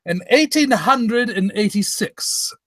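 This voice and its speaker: A man's voice: very high voice, vocal fry, a bit bright, breathy edge, dry recording, exaggerated voice. A man playing a fussy old doctor in a hammed-up radio play, stammering and rambling as he goes. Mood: befuddled, reminiscing. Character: doddering, fussy old English doctor Watson reminiscing. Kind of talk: hammed-up old-time radio acting with comic ad-libs.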